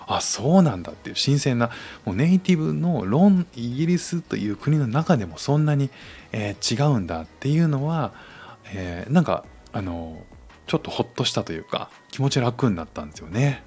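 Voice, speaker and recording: A man's voice: mid-range voice, sing-song, a little fast, a little mellow, breathy edge, soft background music. A man hosting a casual podcast monologue, talking with lots of fillers and restarts. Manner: hesitant, many fillers and restarts. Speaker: podcast host.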